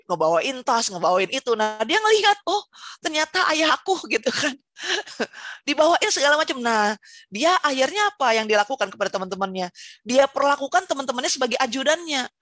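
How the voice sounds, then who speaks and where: A woman's voice: medium pitch, fairly bright tone, no room sound. A woman giving a chatty Islamic parenting seminar, speaking directly to the parents and asking them rhetorical questions. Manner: tags sentences with "gitu ya".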